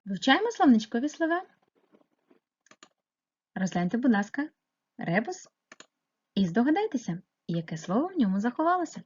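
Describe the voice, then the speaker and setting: Lively woman teacher, husky voice. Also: on the high side, moderate pace, long pauses, muffled recording. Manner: patient, questioning, explaining step by step. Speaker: primary school teacher. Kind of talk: remote lesson narration.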